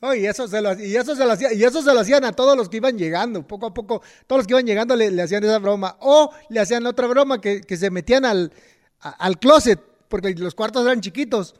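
Man, Mexican accent, high voice, hesitant, casual chat. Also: quick pace. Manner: repeats words, hesitant.

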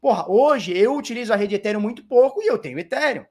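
A man's voice: extremely high pitch, expressive, fast, a little mellow. A man in his thirties from Brazil talking casually to viewers about crypto, rambling and swearing freely. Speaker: crypto commentator.

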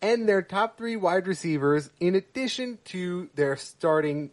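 A man's voice: sits high, expressive, measured pace. A man co-hosting a casual sports podcast, listing details and cracking dry jokes. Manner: analytical, wry. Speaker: podcast co-host.

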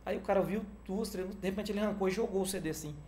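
A man telling a story in a casual interview, speaking fast and with a fairly high voice. He is animated and sprinkles "cara" through his talk, acting out the people he quotes. A faint room ambience sits behind him. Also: slight background noise. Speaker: guest, music manager.

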